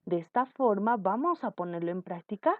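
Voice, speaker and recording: A woman teaching a lesson with a very lively, swooping voice. She explains patiently and keeps checking that the student follows. The sound is dull and lo-fi, and very dry. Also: medium pitch, moderate pace, no echo. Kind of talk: online class lesson.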